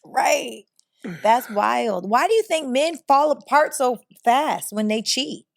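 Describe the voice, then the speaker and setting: Female podcast host, high and lively voice, dry close sound. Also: gravelly, no echo. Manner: laughs often, quick reactions. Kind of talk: casual interview.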